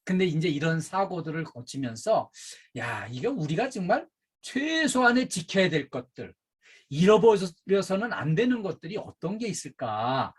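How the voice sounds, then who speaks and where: A middle-aged man giving a workplace training lecture, emphatic and animated, with frequent fillers. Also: high-pitched, moderate pace, slightly rough. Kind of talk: safety and customer service training lecture.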